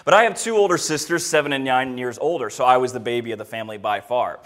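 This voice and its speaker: A man preaching a sermon at a church pulpit as a guest preacher, addressing the congregation with deliberate emphasis that rises and drops. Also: mid-range voice, a bit bright.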